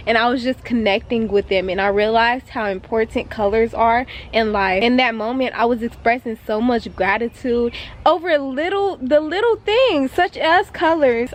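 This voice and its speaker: A woman's voice: a little high, slight background noise. A young woman vlogger from Texas telling a personal story in a casual, earnest and reflective way.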